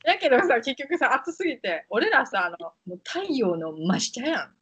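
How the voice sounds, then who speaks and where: A woman with a Kansai accent tells a story in a husky, breathy voice. Her pitch sits fairly high and moves around a lot. She is emphatic and giggles often. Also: very animated, normal speed, a bit bright. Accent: Kansai Japanese. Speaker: podcast co-host. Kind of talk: casual chat, storytelling.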